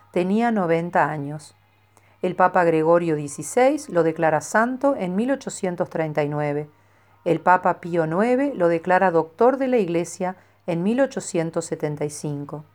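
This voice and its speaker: A woman calmly reading a scripted devotional life of a saint in a measured way. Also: lowish voice. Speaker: narrator.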